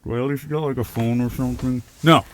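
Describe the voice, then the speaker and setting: A young man giving a sarcastic, comic scripted narration, bursting into sudden shouts. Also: mid-range voice, fairly even intonation, fast, a little hiss or hum. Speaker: video creator being reacted to. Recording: music playing underneath.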